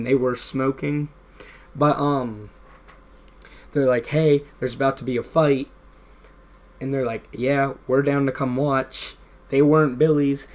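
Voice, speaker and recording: A man's voice: mid-range voice, a little mellow. A young man telling a casual, rambling story over gameplay, full of fillers. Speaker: gaming vlogger.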